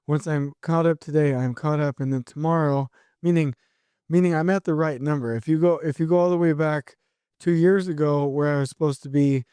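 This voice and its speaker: An upbeat male podcast host delivers a solo monologue that is energetic and rambling, full of restarts. His voice is a little high and fairly quick with a clean tone, though a sore throat makes it slightly scratchy. The studio-quality recording has no echo.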